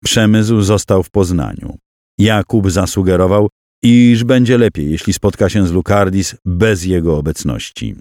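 A man reading a story aloud as an audiobook narrator, with expressive storytelling. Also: low voice, normal speed, dry recording, studio quality. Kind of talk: scripted narration.

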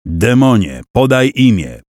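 A man's voice: medium pitch, very animated, measured pace, a little mellow, no echo, studio quality, voice pushed up. A man playing a stern, commanding churchman. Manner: commanding, firm. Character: middle-aged male bishop-nominee, stern and commanding.

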